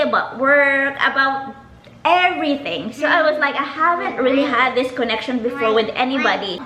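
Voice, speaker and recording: A woman's voice: sits high, bright, forceful tone, roomy sound, a little hiss or hum, poor audio. A woman, hosting a casual question-and-answer chat and reading out viewer questions. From Philippines. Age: 30s. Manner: chatty, reads out viewer questions. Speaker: vlogger host.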